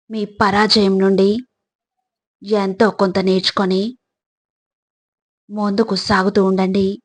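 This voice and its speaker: Speaking to the listener directly, this woman works through a motivational script with a careful, teaching tone. Her voice sits in the mid range.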